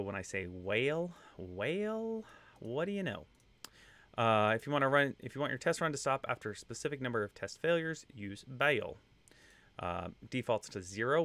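Here the same kind of speaker, a thirtyish man with a faint Texan twang, walks viewers through code in a screen-share tutorial, his medium-pitched voice easygoing and sprinkled with fillers and side remarks. There's no room sound at all.

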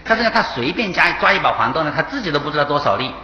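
In a high-ish, sing-song, sharp voice, the Taiwanese-accented monk races through his dharma talk, telling parables and chuckling at his own points. It's recorded in an echoey temple lecture hall, with dull lo-fi sound and faint hiss.

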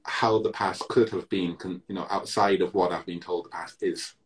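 A deep, low-voiced man from Britain talks things through slowly on a video call from a room at home. He circles back and restarts his thoughts, filling gaps with "you know" as he works out each point. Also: fairly even intonation. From Britain, Barbadian heritage. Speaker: interview guest, musician. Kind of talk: reflective conversation.

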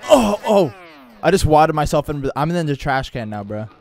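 A young man chatting casually while gaming with a friend, excitable and full of frat-bro slang. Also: on the high side, normal speed. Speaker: gamer. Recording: clear background noise, game engine sounds.

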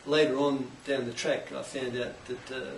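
A middle-aged Australian man explaining his craft in a relaxed interview, with an enthusiastic musician's manner. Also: medium pitch, moderate pace, gravelly. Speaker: guest, cajon maker. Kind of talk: casual interview. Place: indoors, home workshop. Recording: echoey room, mic at a distance, faint background hiss.

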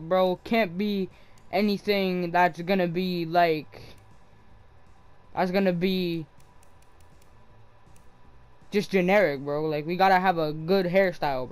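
A man's voice: high voice, clean tone. Slangy young man saying "bro" constantly. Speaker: gamer. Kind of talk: casual gameplay commentary.

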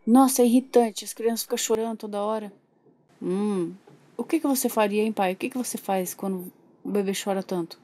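A woman's voice: medium pitch, fairly quick, warm tone, pitched below the performer's own voice, natural voice. A woman voicing a frustrated young father who complains about a crying baby in a toy soap opera. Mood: exasperated. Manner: exasperated and complaining. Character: frustrated young man, reluctant new father.

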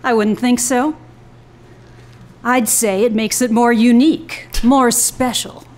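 Performing live on stage in a club, a woman actor portrays a mysterious young woman in a noir radio play. Her somewhat high voice stays steady and slow as she delivers cool, cryptic, teasing lines with an undercurrent of threat.

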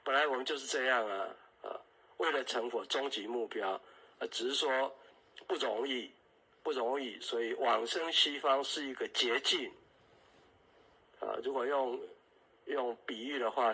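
A man giving an evening Buddhist Dharma class, explaining terms patiently and often asking the listeners "right?" and adding soft "ah" particles. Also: mid-range voice, slightly rough, rough recording.

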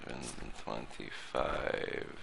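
Slow and gravelly, a low-voiced man does a full character voice as a grumpy, crude male border inspector, grumbling gruffly in curt, broken English during in-character let's play commentary. The background is noisy.

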